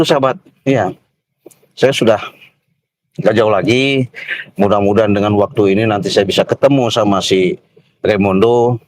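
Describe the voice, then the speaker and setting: A middle-aged man narrating a livestream in a slow, repetitive manner. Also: fairly low pitch, no room sound. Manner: slow, repetitive, tags sentences with "ya". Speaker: vlogger livestreaming.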